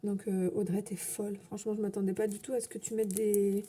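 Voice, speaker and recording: A woman's voice: medium pitch, flat delivery, fairly quick, warm tone, husky. A woman chatting casually while unboxing a crafting gift, hesitant, with many fillers and small laughs. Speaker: scrapbooking vlogger.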